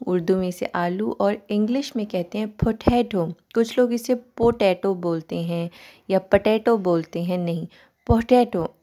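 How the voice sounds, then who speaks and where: धीमी, नरम आवाज़ में पढ़ाती पाकिस्तानी अध्यापिका. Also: female voice, medium pitch, warm tone. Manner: slow, repeats each word for learners to copy. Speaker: English teacher. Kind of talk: pronunciation lesson.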